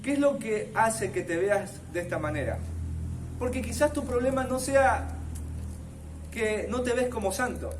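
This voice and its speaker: A man's voice: very high-pitched, lively intonation, measured pace, echoey room, far from the mic, background noise. A man with a Rioplatense Spanish accent preaching a sermon as pastor, earnestly putting questions straight to his listeners. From Argentina.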